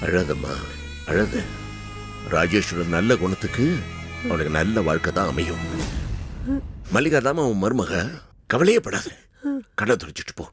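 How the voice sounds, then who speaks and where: An actor playing an older family patriarch in a television serial, soothing a tearful relative and giving orders. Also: male voice, sits low, lively intonation, normal speed, long pauses. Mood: consoling. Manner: soothing, commanding. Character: older man, calm consoling family patriarch. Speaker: family elder. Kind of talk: TV serial acting. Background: music score.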